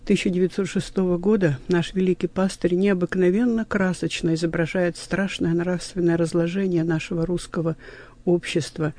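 High, gravelly man reading aloud. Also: mellow. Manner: reads passages aloud, affirms with short murmurs. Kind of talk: religious discussion.

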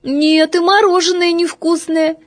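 A woman voicing a tiny, timid creature girl with a thin, high little voice in a storybook reading. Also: little pitch movement, measured pace. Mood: coy. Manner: plain, shy, short answers.

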